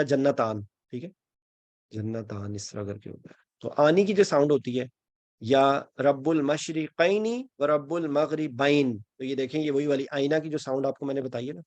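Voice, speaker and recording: A male Quran and Arabic grammar teacher with a mid-range, slightly mellow voice leads an online grammar class, with no room sound. He explains things step by step, checking in with his students along the way, and mixes English phrases into his Urdu.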